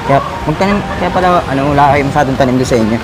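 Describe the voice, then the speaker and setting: A man's voice: mid-range voice, lively intonation, racing, heavy background noise. Gap-toothed young Filipino man, teasing. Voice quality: speech of someone missing front teeth.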